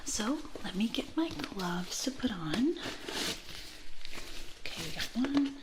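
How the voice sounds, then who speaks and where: A woman in an ASMR role-play as an ear examiner, speaking in a soft, breath-only soft voice with a gentle, reassuring manner and frequent check-ins. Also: on the high side, very animated, slow pace, very noisy. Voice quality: soft unvoiced soft voice.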